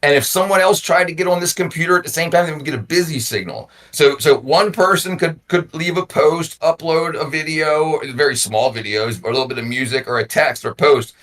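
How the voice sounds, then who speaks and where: A man's voice: on the high side, fairly quick, hardly any pauses, fairly bright tone. A man in his forties, a YouTuber guest in a casual talk, who rambles and repeats words as he thinks. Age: 40s. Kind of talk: casual conversation.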